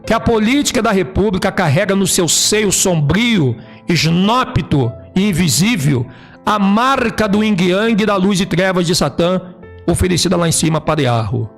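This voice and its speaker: A man from Brazil giving a preachy religious commentary monologue. He speaks emphatically, asks rhetorical questions, and slows down to read passages from a book. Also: sits high, lively intonation, faint music behind. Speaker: video host.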